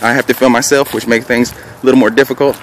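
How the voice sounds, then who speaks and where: A man's voice: medium pitch, little pitch movement, quick pace. A man filming himself in an open park, narrating dog training in a casual instructional way and calling out short, firm commands. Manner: calls out short firm commands between explanations. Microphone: handheld camera held by the speaker. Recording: noisy outdoor handheld camera audio. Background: outdoor ambient noise.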